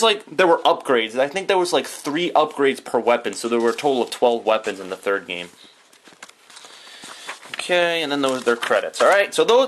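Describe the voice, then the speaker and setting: A man's voice: medium pitch, a bit bright, a little hiss or hum. A young man casually talking through an unboxing in his bedroom, rambling, thinking aloud and swearing offhandedly. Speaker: YouTuber doing an unboxing.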